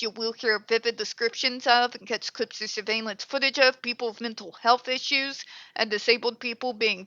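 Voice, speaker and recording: A congested, stuffed-up woman with a high, pushed, bright voice rants bluntly and with exasperation on her own commentary channel, swearing freely into a headset. The recording is dry and lo-fi.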